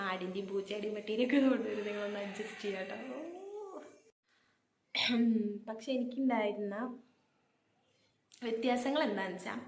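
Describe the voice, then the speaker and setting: A young woman vlogger, telling a personal story casually and acting out the dialogue. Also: medium pitch. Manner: animated, acts out dialogue. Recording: echoey room with faint noise.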